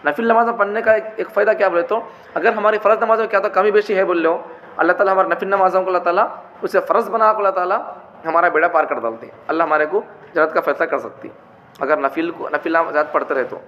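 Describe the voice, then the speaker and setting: A man's voice: sits high, fairly even intonation, fast, a bit bright. A man giving a religious teaching talk, repeating his points and asking rhetorical questions. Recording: dull, echoey hall with faint noise.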